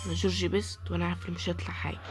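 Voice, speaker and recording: A woman's voice: fairly low pitch, level tone, racing, over loud music. A woman with an Egyptian accent giving live gameplay commentary, pleading and complaining about her luck as she opens each pack. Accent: Egyptian Arabic. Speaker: gaming YouTuber.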